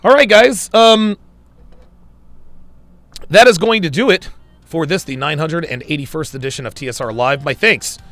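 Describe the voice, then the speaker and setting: Reading viewer super chats on a laid-back stream, this male host laughs frequently and comes across wry, though his voice is straining as he loses it. It's fairly high and fairly bright, at a moderate pace with long pauses, and there's no room sound.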